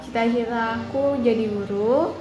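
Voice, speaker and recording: A woman's voice: fairly high pitch, fairly even intonation, moderate pace, roomy sound, background noise. A cheerful young woman from Indonesia, co-hosting a casual reaction video. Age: young adult. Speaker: co-host.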